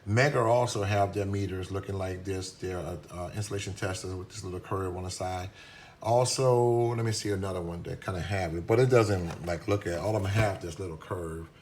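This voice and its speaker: A man's voice: deep voice, fairly quick, a little mellow, a little hiss or hum. A man giving a casual, hesitant hands-on demonstration at a workbench, with many restarts and fillers, recorded on a phone camera. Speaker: product reviewer demonstrating a meter.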